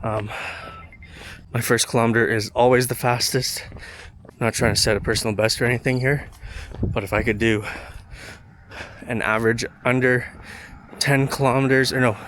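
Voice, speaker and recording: A man with a mid-pitched voice vlogs casually while out running. He speaks in short, halting phrases with pauses between them. Clear outdoor noise and passing cars sit behind his voice. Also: fairly even intonation, a bit bright. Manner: talking while out running and walking. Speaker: running vlogger. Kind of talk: casual vlog talk to camera. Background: traffic and outdoor ambience.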